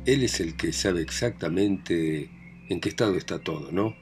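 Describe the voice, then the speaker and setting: A man's voice: deep voice, normal speed, a little mellow, faint music behind, natural voice. A man with a Rioplatense accent voicing a domineering, meddling older mother in a read-aloud play. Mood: bossy, doting. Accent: Rioplatense Spanish. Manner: scolding, proud, meddling. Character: domineering aging mother of a grown family.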